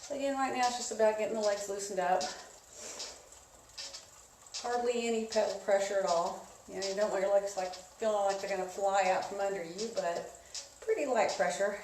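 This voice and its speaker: A woman's voice: medium pitch, a little fast, darkish tone. Echoey, distant woman leading spin class. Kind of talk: instructional coaching, casual. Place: indoors, echoey room. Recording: echoey room, distant mic, clear noise.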